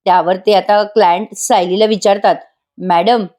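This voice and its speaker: A woman's voice: medium pitch, moderate pace, a little mellow. A woman recapping a television serial episode in voice-over, chatting directly to her viewers.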